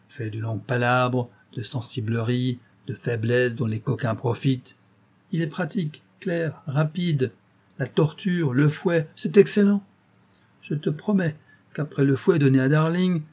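A man's voice: medium pitch, dark tone, voice pushed up, lightly acted. A man voicing a gloating, cruel master criminal in an audiobook, taunting and menacing. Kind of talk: audiobook reading.

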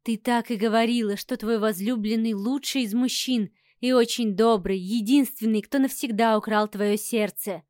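A woman's voice: fairly high pitch, fairly even intonation, normal speed, few pauses, a little mellow, dry recording, clean studio sound, lightly acted. A woman voicing a kind elderly nanny who speaks tenderly and consolingly.

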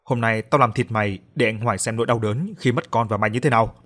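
A man's voice: fairly low pitch, quick pace, fairly bright tone. A man voicing a cruel, jealous young woman who sneers and threatens. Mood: menacing. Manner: sneering, menacing.

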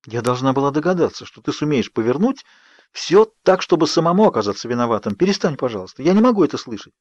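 A man's voice: mid-range voice, big pitch swings, fast talker, a little mellow, no room sound. A man voicing Bella, a desperate teenage girl who pleads urgently, read for an audiobook. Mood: pleading. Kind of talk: audiobook character reading. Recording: dry, slightly dull studio read.

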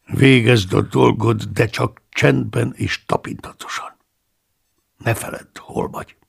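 A man voicing an irritable, easily alarmed abbot in an audiobook, speaking with a gravelly, husky edge. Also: medium pitch, steady tone, exaggerated voice. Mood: stern. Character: irritable fearful male abbot. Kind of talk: audiobook character voice.

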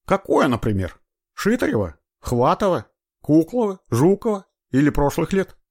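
A man's voice: mid-range voice, very animated, breathy edge, voice pushed up. Man doing a skeptical, blunt police detective. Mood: skeptical, brisk. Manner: quick, doubting, blunt. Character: brisk, skeptical male police detective, middle-aged.

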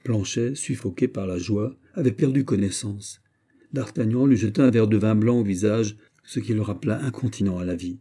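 A man with a French accent narrating a classic novel as an audiobook, measured and literary. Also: lowish voice, dark tone, breathy edge. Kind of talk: scripted narration.

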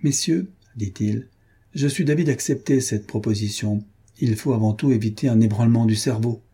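A courteous, authoritative doctor, read by a man who speaks in a measured and polite way. The voice is dark and husky, as in a storybook reading. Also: medium pitch.

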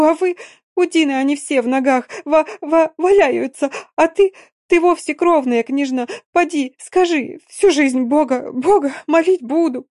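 Woman doing desperate young wife, high, loud, sobbing and stammering. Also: no room sound, studio quality, natural voice. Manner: wailing, stammering pleas.

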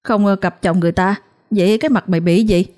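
Woman playing mocking older sister, sneering, loud, Southern Vietnamese accent. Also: mid-range voice, fairly even intonation, quick pace, close to an everyday voice. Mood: scornful.

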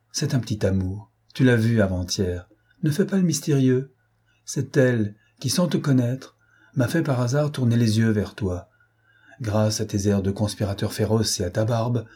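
A man's voice: on the low side, mellow, husky. Man reading as a scolding, loving young woman.

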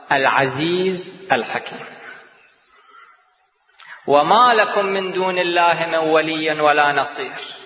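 A man gives a religious lecture, firing off rhetorical questions, answering them himself, and chanting verses. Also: a little high. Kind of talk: religious lecture with Quran recitation. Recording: echoey hall, dull lo-fi sound.

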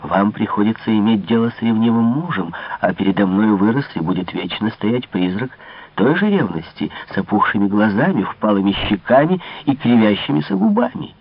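A man voicing an anguished, jealous young king, often dropping to a breathy whisper. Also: on the low side, lively intonation, a little fast, dry recording. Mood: tormented, hushed. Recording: dull lo-fi dry recording.

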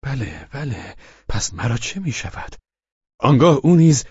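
A man voicing an irritable, impatient gentleman in an audiobook, with sharp, exasperated outbursts. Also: mid-range voice, very animated, breathy edge, no echo, muffled recording, pitched above the performer's own voice. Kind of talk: audiobook character reading.

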